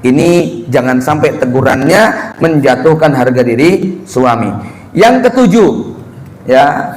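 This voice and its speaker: A male preacher giving a lively sermon to a congregation, often raising his voice for emphasis. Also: fairly high pitch, slow pace. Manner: lively, rising loud for emphasis, addressing the congregation. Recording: long hall reverb.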